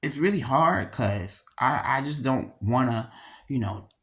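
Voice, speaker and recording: A speaker in their thirties talks straight to viewers in a casual, confessional vlog style. The medium-pitched voice carries a slight lisp from missing front teeth. The delivery is candid, slangy and emphatic, with words repeated to drive points home. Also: expressive, measured pace. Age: 30s. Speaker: video creator.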